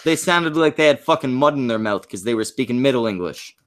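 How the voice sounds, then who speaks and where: A man's voice: mid-range voice, animated, brisk. A man hosting a casual stream, blunt, crude and bossy with the others.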